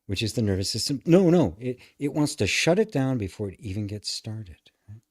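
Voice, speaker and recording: Guy teaching tapping on a livestream, low husky voice, bouncy lively delivery, blunt and a bit sweary. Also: brisk, no room sound, clean studio sound. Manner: animated, frank and profane, acts out inner voices. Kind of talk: live-stream teaching.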